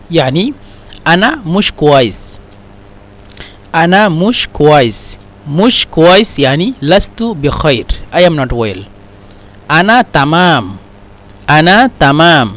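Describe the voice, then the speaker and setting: A man with a somewhat high voice teaches a language lesson. He drills each phrase patiently, repeating it several times. He switches into English to explain. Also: a bit bright. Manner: slow, repetitive drilling of phrases, mixing in English. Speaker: Arabic teacher.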